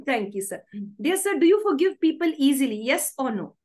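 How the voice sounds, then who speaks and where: Interview host: woman, thirties, Indian accent, high-pitched, effusive and affirming, conversational. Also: sing-song, a little fast, darkish tone. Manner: effusive, polite, frequently affirming. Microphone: video call microphone.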